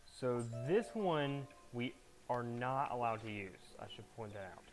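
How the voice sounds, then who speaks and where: A man's voice: medium pitch, expressive, measured pace, faint music behind. A man giving casual commentary as he hosts his own video game challenge run. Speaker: gamer, challenge-run host.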